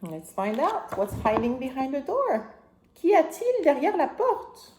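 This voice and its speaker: A woman's voice: high voice, very animated, takes it slowly, background noise. A woman reading a bilingual picture book aloud to a toddler, in a sing-song teaching manner, repeating lines and asking questions. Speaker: children's storybook reader and language teacher. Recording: echoey room.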